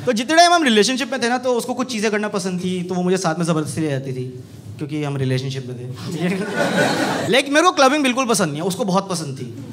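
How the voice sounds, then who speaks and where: Young guy doing standup, voice swings all over, handheld mic, crowd laughing loud. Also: high-pitched, quick pace, background noise. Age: young adult. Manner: animated, mocking storytelling. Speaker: stand-up comedian. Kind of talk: stand-up comedy set. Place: small comedy club stage, indoors. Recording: live club set with loud audience laughter.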